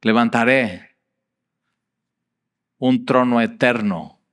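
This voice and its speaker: Mexican pastor guy preaching, chatty storytelling sermon, lots of ehs, mid pitch. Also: slow, smooth. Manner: conversational, animated storytelling with many fillers.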